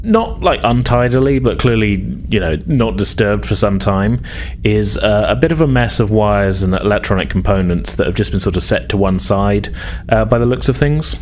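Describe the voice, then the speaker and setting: Serving as the game master of a tabletop roleplaying game, a very low-voiced man narrates at a moderate pace. His conversational, improvised narration is full of hedging, with slight noise in the background.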